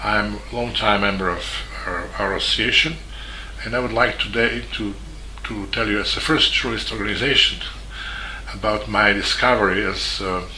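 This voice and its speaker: Serbian-accented male journalist, lowish pitch, very bright, halting delivery with many pauses; echoey room, faint ambience. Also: fairly even intonation, slight background noise. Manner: halting, with many fillers and restarts. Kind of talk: spoken statement.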